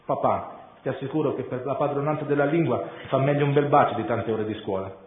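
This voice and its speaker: A man's voice: medium pitch, fairly quick, natural voice. A man voicing a cheeky young male chameleon answering back to his father. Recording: tinny echoey room.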